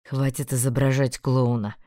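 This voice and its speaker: A woman voicing a brusque young nobleman who talks low, clipped and sardonic. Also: little pitch movement, moderate pace, dark tone, no echo, studio quality. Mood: dry teasing.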